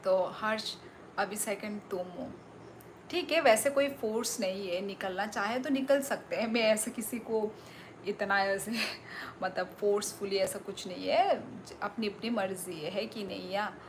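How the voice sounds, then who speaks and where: A woman hosting a live stream, talking slowly and unhurriedly as she answers her viewers. She reads out their messages and breaks into exclamations. A faint hiss of noise sits underneath. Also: mid-range voice. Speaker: livestream host.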